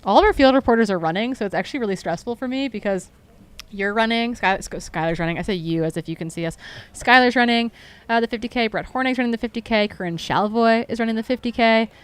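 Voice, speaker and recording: A woman's voice: a little high, quick pace, clear, resonant tone. A woman commentating a live trail race, chatty and upbeat, often correcting herself.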